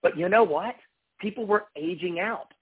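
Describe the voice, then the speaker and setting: A man's voice: sits high, moderate pace, husky. A middle-aged man giving a motivational business talk as a company executive, with polished, upbeat corporate enthusiasm and emphatic delivery. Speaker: company executive addressing distributors. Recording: thin, muffled telephone line.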